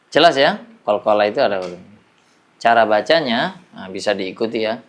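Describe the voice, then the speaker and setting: A man's voice: on the low side, animated, unhurried. A man teaching a classroom lesson on Quran recitation, explaining patiently and drilling examples.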